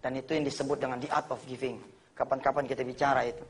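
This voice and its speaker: A man in his forties preaching a lively sermon to a live audience in casual speech, joking and acting out quotes. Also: mid-range voice, fast, slightly rough. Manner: animated, jokey, mixes in slang and acted quotes.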